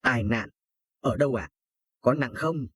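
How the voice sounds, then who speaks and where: A tearful thirteen-year-old girl who stammers and pleads in a storybook reading, as a male narrator puts her on. The voice is husky and sits at a middle pitch. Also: unhurried, a bit bright, dry recording, studio quality. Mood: frightened. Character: frightened grieving girl of thirteen.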